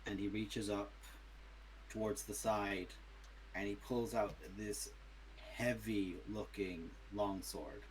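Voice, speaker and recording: A man's voice: lowish voice, fairly even intonation, slow, a little hiss or hum, poor audio. A man narrating an improvised tabletop game as its game master.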